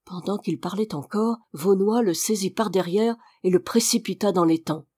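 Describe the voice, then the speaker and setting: Audiobook narrator, classic novel, measured delivery, even storytelling tone, mid pitch, dry close mic. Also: breathy edge, no echo. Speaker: audiobook reader.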